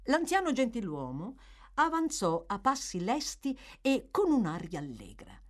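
A woman narrating a classic novel as an audiobook, in an expressive, measured reading. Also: fairly high pitch. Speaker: audiobook reader.

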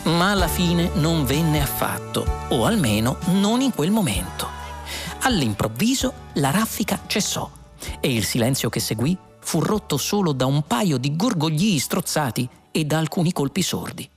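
Expressive male audiobook narrator. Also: a little high, measured pace, faint music behind.

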